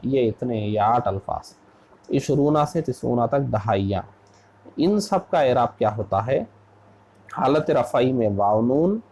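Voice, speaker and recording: A man's voice: medium pitch, dark tone, poor audio. A man from India, an Islamic scholar teaching an Arabic grammar lesson, who patiently repeats each word form to drill it.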